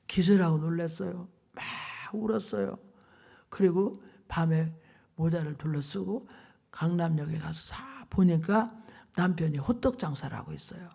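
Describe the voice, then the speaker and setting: A woman preacher delivers a revival sermon with a gravelly, creaky edge to her voice. She tells stories in an animated way and drives her points home with emphatic exclamations. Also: lowish voice, moderate pace. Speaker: evangelist preacher. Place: church revival meeting.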